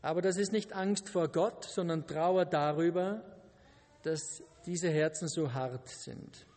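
A man preaches at an unhurried, deliberate pace, dropping joking asides to his listeners. His voice sits high for a man, and a long reverb from the church hall trails every phrase. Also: a little mellow. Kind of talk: sermon.

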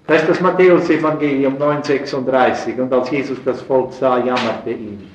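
A middle-aged man preaching a sermon, swinging from low, quiet asides to loud, high exclamations. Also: fairly even intonation, normal speed, muffled recording, slight background noise. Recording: echoey room.

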